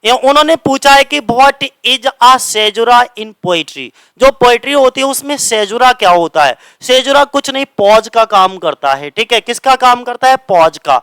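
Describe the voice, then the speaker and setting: High, bright-voiced male teacher quizzing himself. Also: animated, smooth, no room sound. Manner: asks rhetorical questions and answers them himself; reads English lines slowly, then explains in Hindi. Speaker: coaching teacher. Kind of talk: exam-prep lecture.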